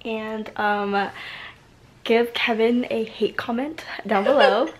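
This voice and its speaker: A woman's voice: on the high side, fairly even intonation, takes it slowly, low-quality recording. A woman co-hosting a casual vlog, chatty and teasing, often laughing. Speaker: vlog co-host.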